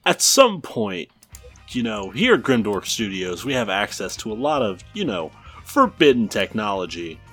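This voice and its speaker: A man's voice: fairly low pitch, big pitch swings, normal speed, a bit bright, husky, faint music behind. A man co-hosting a casual podcast, making dry, mock-serious jokes. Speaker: podcast co-host.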